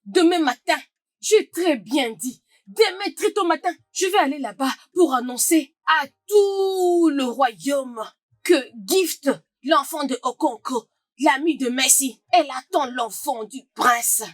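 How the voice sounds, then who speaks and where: A woman's voice: high voice, animated, slow pace, dry recording, clean studio sound. A woman dubbing a sly, meddling young friend who talks in a teasing, mocking way. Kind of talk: dubbed film acting.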